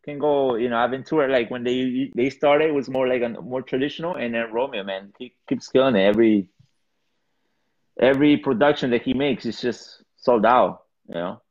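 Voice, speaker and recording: A man's voice: medium pitch, normal speed, darkish tone. A man from Peru, chatting casually as an interview guest. He rambles loosely, with lots of fillers and restarts. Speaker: salsa DJ guest. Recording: dull lo-fi sound.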